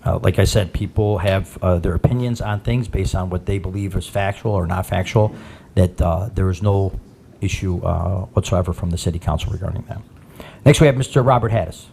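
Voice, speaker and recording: A man chairing a city council meeting, speaking in a measured, hesitant way with many pauses. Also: low voice, vocal fry, dark tone, a little hiss or hum.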